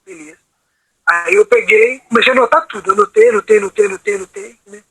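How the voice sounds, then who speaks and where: On a low-quality video call recording, a meeting participant speaks fast in a high-pitched, gravelly, bright voice with a forceful tone and a breathy edge. His long personal account rambles on, with "entendeu?" tacked onto nearly every phrase.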